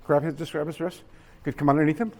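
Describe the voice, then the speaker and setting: A man teaching a hands-on martial arts class in a dojo, coaching students with quick commands and laughter. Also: on the high side, fairly even intonation. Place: dojo hall.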